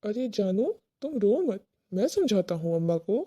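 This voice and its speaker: A woman's voice: mid-range voice, sing-song, normal speed, warm tone, dull audio. A woman voicing a flustered young husband who pleads and tries to placate his mother and his wife. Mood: pleading.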